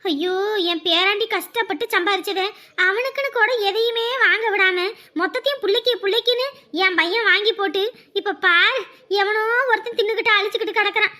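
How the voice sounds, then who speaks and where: A woman voicing a sharp-tongued old grandmother who grumbles and scolds in a cartoon. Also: very high-pitched, fairly quick. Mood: grumbling. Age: older. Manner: complaining, scolding.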